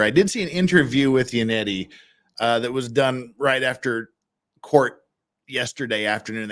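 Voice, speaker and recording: Man with very lively, swinging pitch. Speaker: host reviewing trial footage. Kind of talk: casual live commentary.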